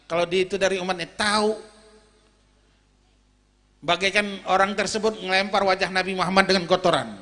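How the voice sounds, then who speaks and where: A man preaching a lively, jokey sermon at a large gathering, swinging between loud calls and low storytelling. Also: moderate pace, pauses often. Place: large outdoor or hall gathering. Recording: reverberant PA in a big space.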